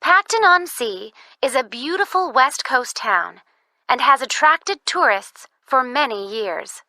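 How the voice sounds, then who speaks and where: A woman playing the announcer of a recorded phone message, giving scripted tourist information in a measured way. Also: sits high, animated, bright, forceful tone, no room sound, exaggerated voice. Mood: informative, upbeat. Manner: measured, clearly scripted presentation. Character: woman announcer on a bus tour information line.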